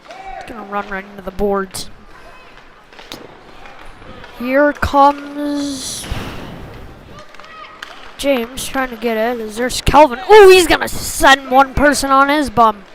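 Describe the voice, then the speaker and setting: At an ice rink, a female play-by-play commentator calls a youth hockey game live in brief, casual, clipped bursts. Her voice is high, and she takes her time, pausing often. Faint background noise runs through the amateur livestream.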